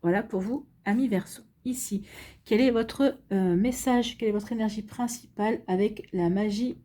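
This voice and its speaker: A woman reads tarot for her viewers in an unhurried, reassuring way. Her voice is warm and mellow, with frequent pauses and restarts, and she sounds tired. Her pitch is neither high nor low for a woman. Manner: gentle, reassuring, many fillers and restarts. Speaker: tarot reader. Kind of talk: casual tarot reading for viewers.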